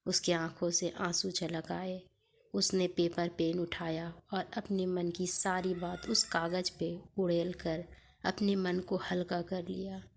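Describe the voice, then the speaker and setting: A woman reading an emotional story aloud in a slow, soft and sorrowful way. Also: lowish voice, level tone, vocal fry, slight background noise.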